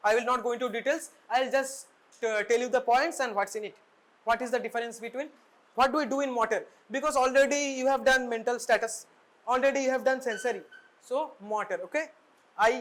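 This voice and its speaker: A young woman with a Bengali accent teaching a medical class, her voice sitting a little high. She mixes English and Bengali, often fast, and punctuates points with tag questions like "okay" and "right". The delivery is that of a lecture to a room of students. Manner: switches between English and Bengali, quick asides with questioning tag words.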